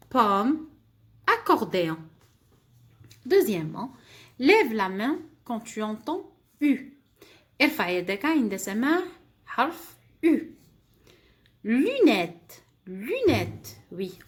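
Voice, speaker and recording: A woman primary school teacher, giving a French lesson to young pupils, patiently repeating each word and sound and explaining in Arabic. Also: fairly high pitch.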